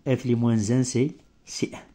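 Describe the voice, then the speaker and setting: A male maths teacher, not a native French speaker, explaining step by step in halting, broken French with grammatical slips and searches for words. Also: medium pitch, fairly even intonation, dark tone. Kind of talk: improvised maths lesson.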